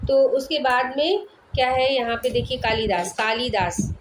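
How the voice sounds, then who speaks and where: A woman's voice: a little high, normal speed, background noise. A woman teacher with a Hindi accent explaining a language lesson, posing questions and answering them herself. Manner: explanatory, asks and answers her own questions; frequent checking tags. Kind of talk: classroom lecture.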